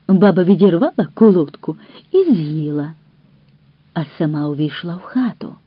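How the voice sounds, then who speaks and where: Woman narrator, folk tale, slow, melodic, dry muffled recording. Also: medium pitch, husky, dry recording. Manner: expressive, sing-song storytelling. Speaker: storyteller. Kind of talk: reading a folk tale aloud.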